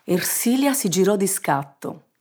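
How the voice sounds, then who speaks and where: A woman narrating a children's story in an expressive, measured reading. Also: medium pitch. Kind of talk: scripted narration.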